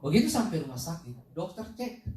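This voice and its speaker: Male pastor, high voice, animated sermon storytelling; echoey hall, distant mic. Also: fairly quick. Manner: animated storytelling with repeated phrases and sudden loud questions.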